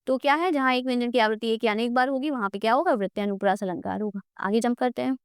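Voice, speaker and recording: Speaking quickly in a fairly high, clear and resonant voice, a woman runs an exam-focused grammar class on a close, dry-sounding mic. She addresses students as "beta," urges them along, and works through self-posed questions.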